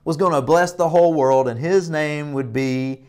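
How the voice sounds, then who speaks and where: A man's voice: a little high, normal speed, darkish tone, clean tone. A man in his thirties giving a children's Bible lesson in a broad, singsong presenter style with emphatic repetition and call and response. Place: indoor children's church classroom. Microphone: lapel mic.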